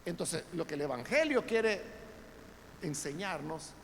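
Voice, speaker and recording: High-voiced pastor preaching. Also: male voice, lively intonation, measured pace. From El Salvador. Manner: conversational preaching, addresses listeners as brothers, frequent tag questions; builds to loud emphatic peaks. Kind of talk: Bible study sermon. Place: church. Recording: reverberant church hall, faint background noise.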